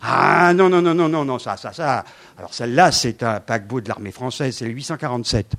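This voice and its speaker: A man in his seventies giving a lively lecture with slides, swinging from loud emphasis to quiet asides. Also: mid-range voice, fairly quick, gravelly. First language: French. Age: 70s.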